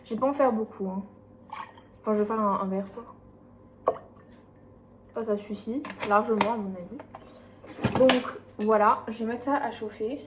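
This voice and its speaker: A woman's voice: fairly high pitch, normal speed, long pauses. A young woman vlogging casually at home in her kitchen, rambling with lots of fillers and poking fun at herself, recorded on a phone. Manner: rambling, filler-heavy, self-mocking. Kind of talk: casual vlog chat. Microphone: phone camera mic. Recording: echoey room, faint noise.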